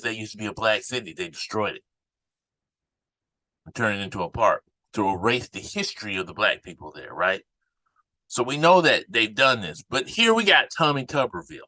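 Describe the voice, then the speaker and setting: A man's voice: on the low side, bright, forceful tone, no room sound, poor audio. A man giving off-the-cuff political commentary as a podcast host, indignant and emphatic, often repeating phrases for emphasis.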